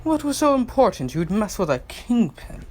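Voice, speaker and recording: A man's voice: sits high, very animated, moderate pace, a little mellow, a little hiss or hum, pitched above the performer's own voice. Man doing a smug demon kingpin.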